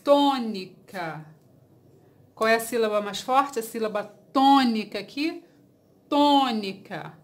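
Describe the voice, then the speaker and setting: A woman teacher with a Brazilian Portuguese accent, giving a dictation lesson and encouraging advice to her students. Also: fairly high pitch. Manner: slow, deliberate dictation with repeated words; encouraging, reassuring tone.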